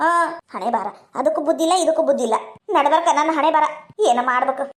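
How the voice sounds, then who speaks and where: Fast, high-voiced village woman with a North Karnataka accent. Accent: North Karnataka Kannada. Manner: rapid, chiding village banter. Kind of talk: village comedy skit.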